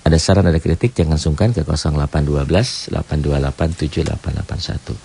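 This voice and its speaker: Man, low and gravelly, patient step-by-step recitation teacher, faint hiss behind. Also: steady tone, warm tone. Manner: explains each rule step by step, chanting verses slowly. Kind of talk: radio tajwid lesson.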